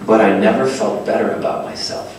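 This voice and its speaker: A man gives an animated, self-deprecating storytelling sermon to fellow teachers. He is heard from a distance in a very echoey hall with faint background noise. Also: fairly low pitch, brisk. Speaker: speaker addressing religious teachers.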